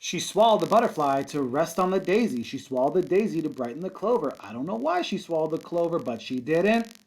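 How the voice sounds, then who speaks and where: This kindergarten-teacher type reads a storybook to little kids at a fairly quick clip, his fairly high voice ranging widely in pitch yet carrying a darkish tone. Rhymes come out sing-song, his offhand asides are encouraging, and the recording is rough.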